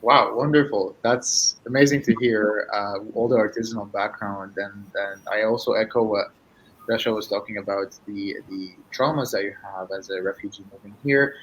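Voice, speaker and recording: A man's voice: lowish voice, fairly even intonation, normal speed, fairly bright tone, a little hiss or hum, rough recording. A man hosting a casual conversational interview. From Syria. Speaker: interview host.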